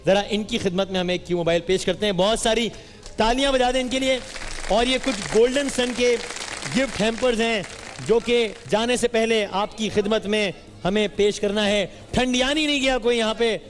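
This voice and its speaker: A game show host runs a live studio quiz, teasing and bantering rapidly with the audience in a high-pitched voice. The recording sounds like a roomy hall filled with music and crowd noise.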